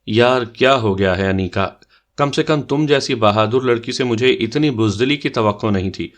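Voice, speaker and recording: A man's voice: medium pitch, close to an everyday voice. A man voicing a mischievous young man who leads a party game and teases his sister, in a bantering tone. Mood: teasing. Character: teasing playful young man, game leader.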